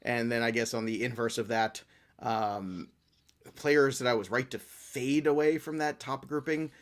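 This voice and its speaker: A man's voice: mid-range voice, fairly even intonation, unhurried. A man who is a guest on a sports podcast, talking casually, joking and laughing often.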